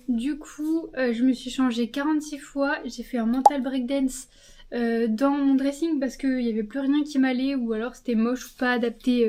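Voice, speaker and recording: Out and about on a café terrace in town, a young vlogger talks casually into her camera. Her voice is slightly high and dark in tone, and her speech is full of fillers and repeated words.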